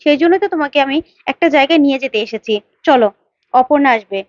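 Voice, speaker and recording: A woman's voice: high-pitched, fast talker, no echo, dull audio, close to an everyday voice. A woman voicing a scheming man in a retold serial, speaking curtly and with smug suspicion. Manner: suspicious, curt then smug. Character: scheming adult male family friend.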